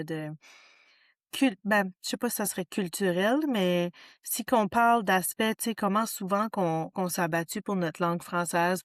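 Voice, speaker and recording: A woman's voice: mid-range voice, no echo, clean studio sound. Woman. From New Brunswick. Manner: hesitant, many fillers and "tu sais". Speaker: podcast co-host. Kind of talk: casual conversation.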